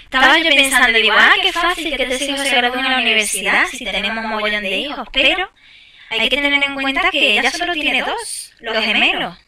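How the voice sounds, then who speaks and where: A woman chats through gameplay in a very bright, slightly high voice, tossing exasperated asides to her viewers. She sounds set back from the microphone. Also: brisk, distant mic. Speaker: gameplay streamer. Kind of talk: casual gameplay commentary.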